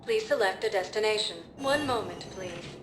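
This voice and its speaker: A woman voicing a calm female elevator computer that announces destinations in an even, polite manner. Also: mid-range voice, normal speed, background noise, lightly acted. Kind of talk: game voice acting. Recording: roomy game audio with music behind.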